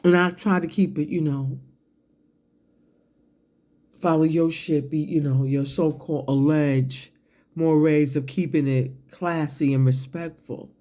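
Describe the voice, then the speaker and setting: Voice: mid-range voice, steady tone, measured pace, mellow. A person delivering a confrontational, profane online rant, drawing words out emphatically one at a time. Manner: sipping a drink between phrases, coughing and clearing throat.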